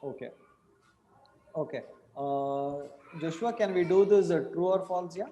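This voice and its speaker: High-pitched Indian man teaching in an echoey room. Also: measured pace, mellow, a little hiss or hum. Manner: informal, questioning, repeats instructions. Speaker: programming teacher. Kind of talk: interactive online class. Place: small indoor room. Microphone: computer mic on a video call.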